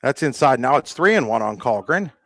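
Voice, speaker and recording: A man doing live play-by-play of a high school baseball game, a little out of breath, with a conversational manner and apologetic asides. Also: animated, a little fast, gravelly, dry recording. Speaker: play-by-play announcer.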